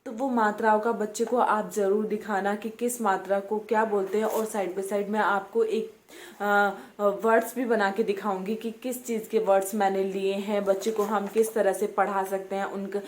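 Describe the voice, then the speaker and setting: A young woman tutor casually explaining how to teach children reading, slowly sounding out English words letter by letter, with many fillers and repetitions. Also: medium pitch, little pitch movement. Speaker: home tutor.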